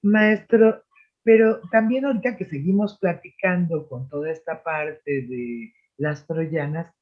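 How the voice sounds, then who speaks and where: A woman's voice: deep voice, measured pace, dull audio. A woman with a Mexican accent, interviewing a guest in a conversational way. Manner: conversational, follows up questions.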